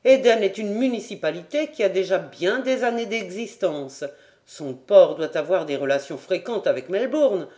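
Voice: medium pitch, lively intonation, moderate pace, a little mellow, close to an everyday voice. An audiobook reader voicing a learned male geographer who explains things with easy confidence. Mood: confident. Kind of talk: audiobook character voice.

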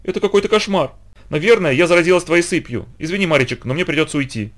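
A man voicing a fussy, anxious elderly aunt in a storybook reading, fretful and shrill. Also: quick pace, fairly bright tone, close to an everyday voice. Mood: faint, alarmed.

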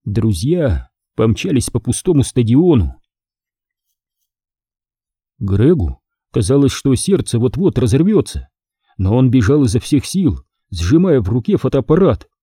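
A man's voice: medium pitch, unhurried, husky, dry recording, clean studio sound. A man narrating a children's horror audiobook, telling it expressively and doing every character's voice himself. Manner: expressive, does all the voices. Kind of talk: scripted horror story narration.

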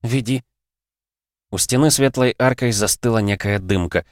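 Brief: male audiobook narrator, low voice, dry close mic, measured storytelling. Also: no echo. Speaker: audiobook reader. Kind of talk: scripted first-person narration.

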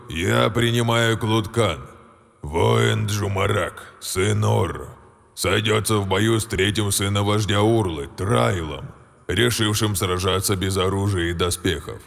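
A man voicing a stern aged orc shaman who speaks in slow, ceremonial pronouncements. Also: fairly low pitch, vocal fry, fairly bright tone, long reverb tail.

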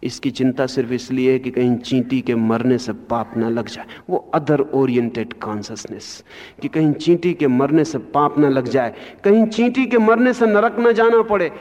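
A man giving a spiritual discourse, speaking slowly and with emphasis, his voice rising sharply on key points, in a lo-fi archival recording. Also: sits high, darkish tone. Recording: lo-fi archival recording in a long-reverb hall.

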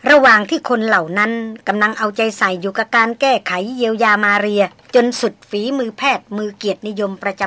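Bright-voiced woman narrating a novel. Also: a little high, no room sound. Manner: measured, literary. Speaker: audiobook narrator.

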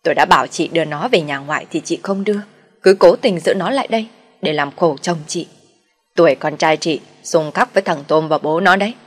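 A woman voicing a harsh, bitter older mother-in-law who berates loudly in a storybook tale. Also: fairly quick, faint music behind. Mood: scolding. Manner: shrill, berating, loud.

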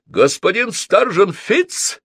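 A bossy, energetic grandmother, as a male reader puts her on, her raised, shouting voice pitched well above his own. She insists loudly and never backs down in this audiobook story. The recording is dry and close. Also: a little slow, no room sound, exaggerated voice.

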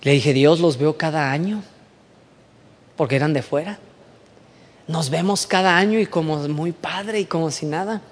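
A man with a Mexican accent giving a storytelling talk, dropping to hushed asides and rising again, often checking in with short rhetorical questions. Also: on the high side, moderate pace, pauses often, long reverb tail. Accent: Mexican Spanish. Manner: animated, swings between hushed asides and raised voice, rhetorical questions.

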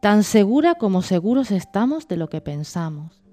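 Death as a gentle, calm woman in a storybook, voiced by a female reader. She answers in an unhurried, mellow way. Her middle-pitched voice stays soft and warm. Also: soft background music, close to an everyday voice.

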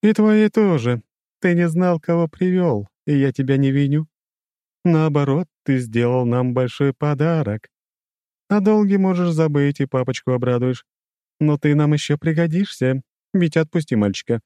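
A man's voice: normal speed, mellow, smooth, dry recording, close to an everyday voice. A man voicing an amused, commanding woman who runs a crime ring, in a raised put-on voice. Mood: imperious. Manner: mocking, imperious, high put-on voice.

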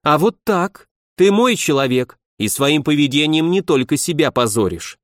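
A man's voice: fairly high pitch, expressive, moderate pace, no room sound, natural voice. A man narrating a story and voicing a stern young princess who holds court, speaking in a curt, commanding way.

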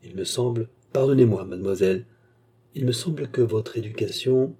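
Storybook reading: a man doing an earnest young count, courteous and firm, with a dark, husky voice. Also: mid-range voice, normal speed. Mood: respectful. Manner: respectful, hesitant with the lady, firm with his servant. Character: young nobleman, respectful, earnest and commanding.

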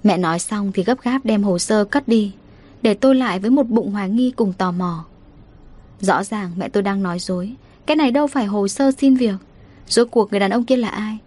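A woman storyteller, narrating a first-person story in a steady, emotive reading. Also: medium pitch, brisk.

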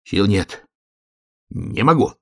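A man's voice: lowish voice, expressive, slow pace, a bit bright, voice pushed up, heavily acted. A man doing a timid, worn-out hare. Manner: faint and timid, weary. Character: timid tired young hare, fearful.

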